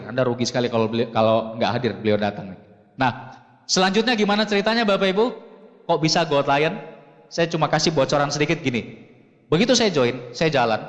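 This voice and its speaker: A man in his thirties from Makassar speaks from a seminar stage in a slightly raised voice. He tells his story with energy and keeps turning to address the audience. A long hall reverb trails behind each phrase. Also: on the high side. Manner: animated storytelling, often addresses the audience directly. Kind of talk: motivational stage talk.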